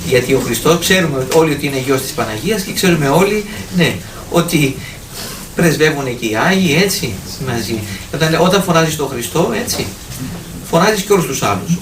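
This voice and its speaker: A fairly high-voiced priest talks through questions from his listeners in a relaxed, gently teasing manner, slowly repeating prayer phrases. He sounds distant from the microphone in an echoey room, with a faint hiss underneath. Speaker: Orthodox priest. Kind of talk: question-and-answer talk. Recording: echoey room, far from mic, faint noise.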